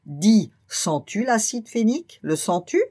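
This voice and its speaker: Fretful hypochondriac gentleman in a storybook reading, pitched up and loud, put on by the narrator. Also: expressive, measured pace, husky. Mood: suspicious. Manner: fretful, exclamatory, suspicious. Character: fussy anxious middle-aged bourgeois man.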